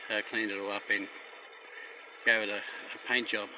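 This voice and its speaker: With a voice on the low side and a flat delivery at normal speed, an Australian vlogger chats plainly and loosely through putting in a car radio himself. He moves around a car under a carport, recorded handheld and noisily on location.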